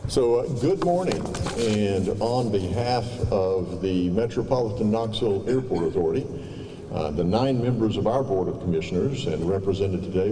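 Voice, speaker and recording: A man giving formal, courteous public remarks as an airport official, in a measured but halting way. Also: on the low side, mellow. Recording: echoey hall, distant mic, background noise.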